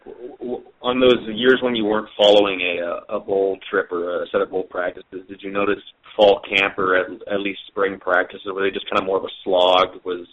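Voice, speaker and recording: A man with a fairly low voice asks a coach questions on a press call. He speaks haltingly, pausing with fillers as he forms each question. The line sounds dull and muffled. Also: fairly even intonation. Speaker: sports reporter.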